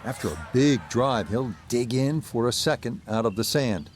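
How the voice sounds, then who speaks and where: A man giving measured play-by-play as the lead golf commentator on a broadcast. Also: medium pitch, expressive, a little hiss or hum.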